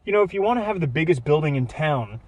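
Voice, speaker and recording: A man co-hosting a podcast, telling animated stories and cracking jokes. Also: a little high, fast. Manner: storytelling, joking, animated. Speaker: podcast co-host. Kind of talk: casual chat.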